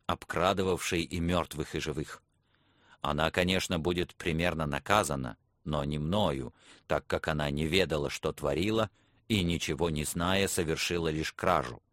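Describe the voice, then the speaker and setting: A calm, cryptic old professor, deliberate in every word, as a male audiobook reader voices him. The voice sits very deep and sounds close and dry, with no room around it. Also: no room sound.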